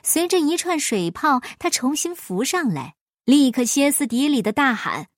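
A woman storyteller reading a folk tale aloud in an expressive storybook style. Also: sits high, normal speed, no echo, studio quality.

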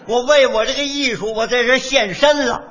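A man's voice: very high voice, fairly even intonation, fairly quick, dull audio, noisy background. A man, a crosstalk comedian performing on stage in a boastful, blustering, playful manner. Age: 70s.

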